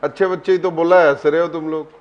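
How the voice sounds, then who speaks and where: A man's voice: a little high, steady tone, fast, lo-fi sound. A man teaching a live online class, quizzing his students with repeated questions and addressing them fondly. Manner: coaxing, affectionate address to students.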